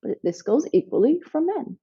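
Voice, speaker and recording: A woman's voice: sits high, sing-song, moderate pace, warm tone, muffled recording. A woman coach, born in Thailand and raised in Nepal, explains her ideas at length in a podcast interview, with many fillers. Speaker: guest coach for women.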